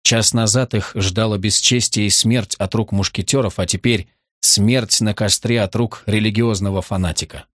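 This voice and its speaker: A man narrating an audiobook in a steady, measured reading. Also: fairly low pitch, no room sound, studio quality.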